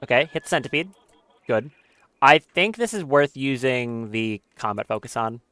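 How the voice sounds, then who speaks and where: A man streaming a game and talking through it live. His commentary is casual and a little nervous, sprinkled with swearing. Faint game music plays softly behind his voice. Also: mid-range voice, normal speed, clean tone.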